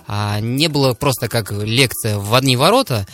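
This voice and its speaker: A man's voice: medium pitch, normal speed, fairly bright tone. A man speaking as an expert guest in a radio studio interview, explaining things step by step to listeners. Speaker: studio guest, serial entrepreneur.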